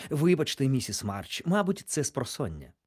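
A man's voice: mid-range voice, huge pitch swings, normal speed, darkish tone, a little hiss or hum, pitched above the performer's own voice. A man voicing a kindly, scholarly male bear in a storybook, polite, fussy and easily embarrassed. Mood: flustered. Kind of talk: storybook character voice.

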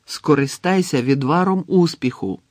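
A man voicing an easygoing teenage schoolboy in an audiobook, offhand and blunt, with a gravelly, husky voice. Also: a little high, normal speed, no echo, studio quality, pitched above the performer's own voice, natural voice. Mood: urging. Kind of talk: audiobook character reading.

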